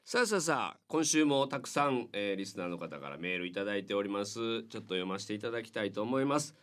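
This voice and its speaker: A middle-aged man with a Kansai accent hosting a relaxed radio chat, teasing his guests and reading listener mail. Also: lowish voice, quick pace, clear, resonant tone. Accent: Kansai Japanese. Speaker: radio host.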